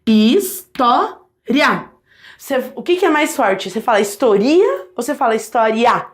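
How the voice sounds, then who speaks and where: A woman's voice: high-pitched, racing. A woman teaching a Portuguese grammar lesson, talking straight to viewers and sounding out vowels and consonants for them to repeat. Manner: lively, addresses viewers directly, models sounds aloud.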